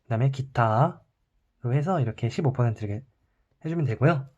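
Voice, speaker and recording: A man teaching an online math class, talking students through each step as he draws. His voice sits at an ordinary middle pitch. The recording is slightly muffled and lo-fi. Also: normal speed. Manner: calm, explains step by step while drawing.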